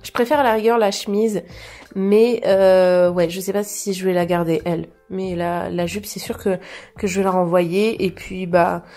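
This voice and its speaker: A woman's voice: fairly low pitch, fairly even intonation, moderate pace, dark tone, soft background music. A French woman talking casually through a clothing try-on haul, hesitating often and restarting her sentences. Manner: hesitant, many fillers and restarts. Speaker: fashion vlogger.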